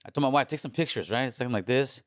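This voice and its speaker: A man in his forties, born in Honduras, telling his life story as a podcast guest in a laid-back street manner that turns animated when he quotes people. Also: mid-range voice, rapid-fire, no echo, clean studio sound. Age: 40s. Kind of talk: casual storytelling interview.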